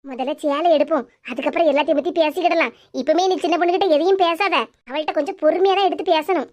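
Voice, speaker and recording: Woman doing soft motherly village auntie for a cartoon, quick and high. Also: lightly acted. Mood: persuasive. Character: kindly middle-aged village woman, elder sister figure. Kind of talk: cartoon voice acting.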